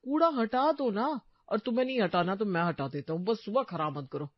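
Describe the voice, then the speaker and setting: A woman's voice: mid-range voice, expressive, brisk, no room sound, highs cut off, lightly acted. A woman voicing an adult husband in a cartoon story, sarcastic and fed up with scolding. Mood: exasperated. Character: adult male husband, short-tempered, sarcastic.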